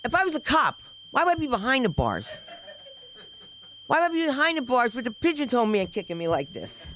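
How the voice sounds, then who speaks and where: An older woman of Dominican heritage doing stand-up, telling a story with lots of exclamations and quick switches into other people's voices. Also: fairly high pitch, a little hiss or hum, poor audio. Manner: animated, shifts voices for characters, exclamatory. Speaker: stand-up comic. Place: comedy club open mic.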